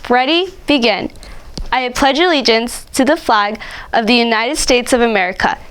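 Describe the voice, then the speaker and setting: Clear, high-voiced young female announcer. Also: moderate pace, fairly bright tone, rough recording. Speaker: student leading the pledge. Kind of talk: formal recitation and announcement.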